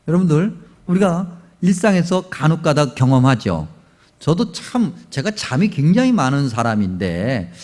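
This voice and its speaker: A man's voice: fairly high pitch, darkish tone. A man preaching a Sunday sermon as pastor, telling stories and asking the congregation questions. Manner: storytelling, asks the congregation questions. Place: church sanctuary. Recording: long church reverb.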